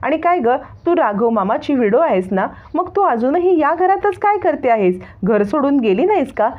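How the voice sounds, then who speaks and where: A defiant, sharp-tongued teenage girl, put on by a woman retelling a story speaks in a high, pointed voice. She fires off questions in quick bursts. The sound is thin and phone-like. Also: sing-song. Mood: indignant.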